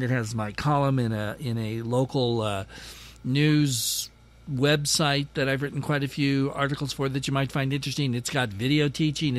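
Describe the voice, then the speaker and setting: A man hosting a podcast in a casual monologue, chatty and self-deprecating with a dry, sarcastic humor. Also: mid-range voice. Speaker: podcast host.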